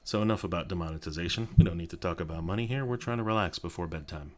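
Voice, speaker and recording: Talking quietly from his home office to avoid waking a child, a Colorado YouTube creator in his thirties hosts a soft-spoken ASMR chat. His voice is deep, and his speech wanders, full of fillers, hesitations and restarts.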